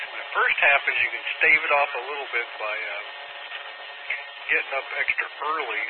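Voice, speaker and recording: A man chatting casually as an amateur radio operator, in a rambling, folksy, plain-spoken way. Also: mid-range voice. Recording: very noisy, phone-like two-way radio.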